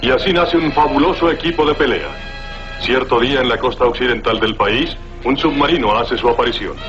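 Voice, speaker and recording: A man's voice: medium pitch, brisk, lightly acted. A man narrating a superhero cartoon in dramatic, declamatory storytelling style. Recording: dull lo-fi soundtrack with music.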